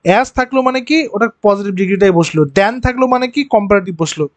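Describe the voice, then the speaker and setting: A man's voice: sits high, fairly quick, no echo. A male teacher giving an exam-prep grammar lesson, explaining step by step and asking rhetorical questions.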